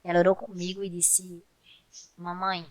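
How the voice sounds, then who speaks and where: A woman's voice: medium pitch, a little fast, bright, forceful tone, no echo. A woman, a podcast guest telling heartfelt personal stories in a casual chat and often turning to speak to the listeners. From Pernambuco, Brazil.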